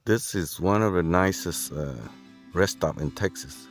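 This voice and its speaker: Deep-voiced older man vlogging from his car. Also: loud music behind the voice. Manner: halting, plain talk with filler pauses. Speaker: road trip vlogger, Air Force veteran. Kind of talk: casual travel vlog narration. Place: inside a car, driving. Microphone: camera mounted on the dashboard.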